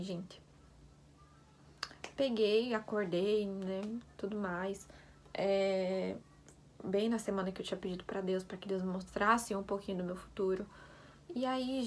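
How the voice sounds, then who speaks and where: A young woman telling a personal faith story in casual vlog style, soft-spoken and often dropping to a near whisper. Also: mid-range voice, a little hiss or hum. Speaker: vlogger sharing a faith story.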